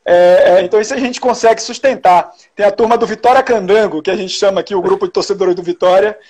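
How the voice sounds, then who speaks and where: His intonation stays fairly even as he talks at a quick pace in a high-pitched, darkish voice. He's a Bahian journalist from Salvador, Brazil, guesting in a casual interview and telling stories laced with restarts and tag questions.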